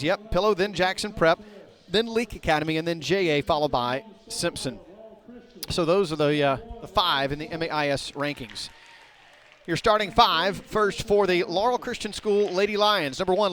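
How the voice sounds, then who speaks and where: A middle-aged man, giving folksy, rambling play-by-play of a high school basketball game in a small gym. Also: fairly bright tone. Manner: folksy, rambling, talks to viewers directly. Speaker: play-by-play announcer.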